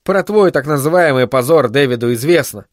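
A man's voice: mid-range voice, lively intonation, brisk, no room sound, clean studio sound, lightly acted. A man voicing an agitated, stubborn middle-aged male scientist who talks in emphatic, heated bursts. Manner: heated, emphatic, pleading at times.

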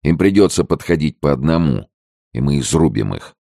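A man's voice: very deep voice, animated, moderate pace, creaky, mellow, no echo, studio quality, voice pushed up, exaggerated voice. A man doing a fierce, blunt warrior. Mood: defiant. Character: fierce defiant male warrior. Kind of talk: audiobook character voice.

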